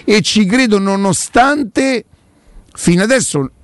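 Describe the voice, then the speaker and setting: High-pitched, emphatic Roman man on talk radio. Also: animated, takes it slowly, dry recording. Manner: emphatic, repeats phrases insistently. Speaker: sports radio host. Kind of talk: animated sports talk.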